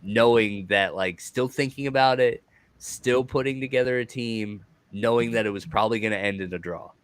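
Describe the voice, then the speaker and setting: A man commentating a live online card game tournament in a casual, excitable way, often exclaiming. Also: fairly low pitch, moderate pace, clear, resonant tone, dry recording. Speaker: esports commentator.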